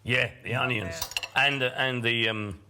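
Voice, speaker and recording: A man's voice: medium pitch, a little slow, over a noisy crowd. A man tasting food as a guest on a cooking show, effusive and joking. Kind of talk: casual studio banter.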